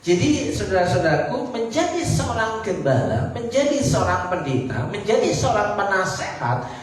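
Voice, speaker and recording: A male pastor with a high, sing-song voice and a Javanese-influenced Indonesian accent preaches at normal speed, asking the congregation rhetorical questions. The service is livestreamed from an echoey church hall through a distant mic, with slight background noise.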